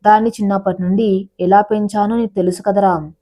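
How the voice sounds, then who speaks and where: A woman's voice: mid-range voice, steady tone, fairly quick, warm tone, close to an everyday voice. A woman voicing a doting middle-aged father who sulks but coaxes his daughter affectionately. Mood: aggrieved. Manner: affectionate, coaxing.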